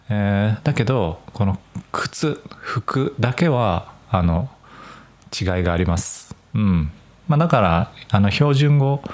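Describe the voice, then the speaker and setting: A young man from Nagoya, Japan, hosting a solo podcast for language learners. He speaks mostly standard Japanese with slight Nagoya touches, in a careful, chatty way. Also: on the low side. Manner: clear, careful explaining with a relaxed, chatty tone. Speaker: podcast host.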